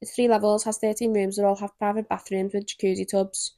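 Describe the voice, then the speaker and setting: A young woman hosting a podcast, chatty and giggly, breaking off a story reading to joke with her friend. Her voice sits in a middle pitch and sounds close and dry, with no room around it. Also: level tone, mellow, no room sound. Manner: chatty, giggly, reads with quick asides. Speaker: podcast host. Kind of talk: casual chat and reading stories aloud.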